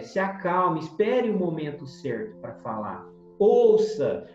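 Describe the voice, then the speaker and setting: Homem conversando num estudo espírita. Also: male voice, fairly high pitch. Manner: conversational, addresses his co-host often. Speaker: study group host. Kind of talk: spiritist book study discussion. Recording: roomy sound, dull lo-fi, soft music.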